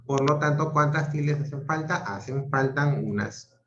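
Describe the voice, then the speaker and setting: Male teacher over a dull, echoey call line, unhurried, explains each step and checks understanding. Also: fairly high pitch, a bit bright. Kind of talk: online grammar lesson. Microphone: video call. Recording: muffled roomy video-call audio.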